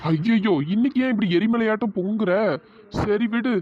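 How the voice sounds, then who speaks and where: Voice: mid-range voice, normal speed, dull audio, lightly acted. A performer voicing a young college man in a cartoon story, teasing at first and then pleading and apologetic.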